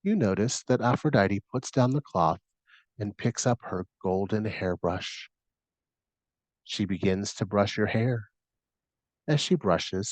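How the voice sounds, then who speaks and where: Guiding a meditation, a man with a fairly low voice reads scripted instructions and imagery in a soothing, measured way. The recording is close and dry, without any echo.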